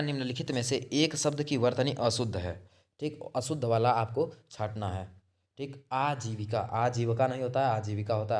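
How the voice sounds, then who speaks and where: A man explains quiz answers one after another in a plain, mid-pitched voice. He repeats each term and checks in with the listener as he goes. He often breaks off mid-word to correct himself. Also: darkish tone. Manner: repetitive, checks in with "theek hai". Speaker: exam-prep teacher.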